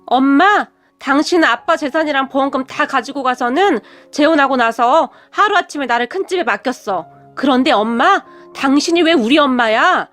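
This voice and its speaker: A woman's voice: high-pitched, expressive, a little fast, a bit bright, soft background music. A woman voicing a cold, resentful grown son who answers in a clipped, icy way.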